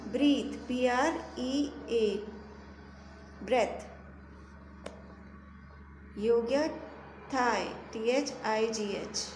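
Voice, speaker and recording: Slow-spelling woman teacher in echoey room. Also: fairly high pitch, darkish tone. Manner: spells words out letter by letter; mixes slow English rule reading with quick explanations. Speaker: school teacher. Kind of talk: grammar lesson. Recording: echoey room, faint background hum.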